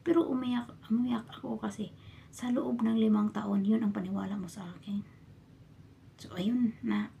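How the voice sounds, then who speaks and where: A woman from the Philippines, a domestic worker abroad, telling her story in a casual vlog and often dropping into a hushed whisper. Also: a little high, steady tone, normal speed, gravelly, slight background noise. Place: a bedroom in her employer's home.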